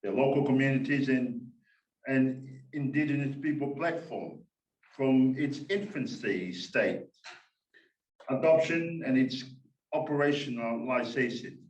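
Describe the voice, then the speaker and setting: A man from Tonga, a minister, opens a conference workshop in a slow, measured way, pausing often as he speaks. His voice sits in the middle range and rings through an echoey room, picked up from some distance. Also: mid-range voice, darkish tone, highs cut off. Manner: slow and measured, many "uh" pauses. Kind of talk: formal welcome and speaker introduction.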